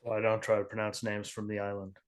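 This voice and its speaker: A man with a low voice throws in offhand jokes during casual podcast banter. His voice comes through dry and close, with no room sound. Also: monotone, fast talker, dry recording. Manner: joking, offhand. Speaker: podcast co-host.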